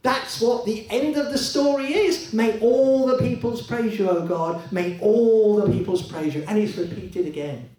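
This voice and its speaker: A man preaching a sermon in a church, conversational and lively, with many rhetorical questions to the congregation. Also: high voice, unhurried, few pauses. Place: church hall. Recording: echoey hall, voice from a distance.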